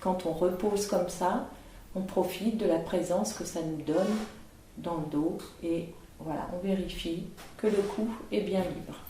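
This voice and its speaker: Slow, calm woman teaching drama. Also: fairly low pitch, echoey room, slight background noise. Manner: calm, instructive, over-articulated diction drills. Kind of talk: online acting lesson.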